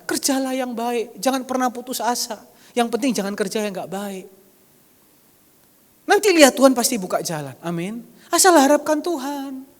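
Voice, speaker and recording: Animated high-voiced preacher in echoing church. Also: male voice. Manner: animated, acts out quoted voices, jokes with the congregation. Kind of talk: sermon. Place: church hall. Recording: reverberant church hall.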